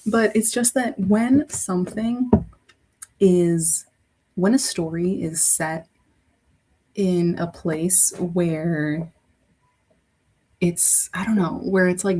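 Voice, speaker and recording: A woman's voice: on the low side, dark tone, a little hiss or hum, rough recording. A woman hosting a casual livestream. She talks in a chatty, giggly, rambling way, often restarting her sentences. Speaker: livestream host.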